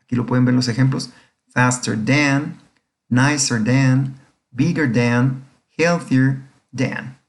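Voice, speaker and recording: A man's voice: medium pitch, darkish tone. A man teaching English grammar, explaining patiently and often checking that students follow. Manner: patient, checks understanding with frequent questions. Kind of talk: recorded grammar lesson.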